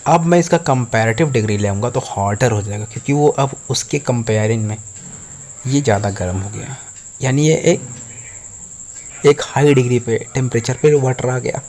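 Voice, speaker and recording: A man's voice: medium pitch, normal speed, darkish tone. A man teaching an English grammar lesson, explaining patiently step by step.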